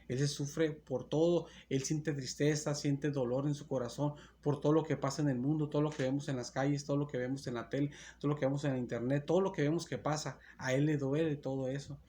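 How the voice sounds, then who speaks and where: A man's voice: on the high side, a little mellow, slight background noise. A man preaching a sermon as pastor, earnest and repetitive, often restarting his phrases.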